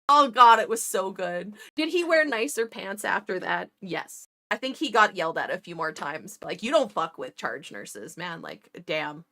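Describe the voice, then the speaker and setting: A woman's voice: mid-range voice, animated, a little slow, creaky, a bit bright. A woman who used to be an ICU nurse, telling stories in a chatty, profane way while painting miniatures. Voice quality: chatty, profane, laughs often.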